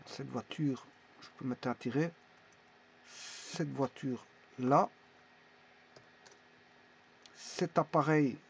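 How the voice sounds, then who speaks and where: A man teaching a language lesson in a casual, halting way, pausing often to think. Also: mid-range voice, gravelly, husky. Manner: halting, many fillers and restarts. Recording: dull lo-fi recording.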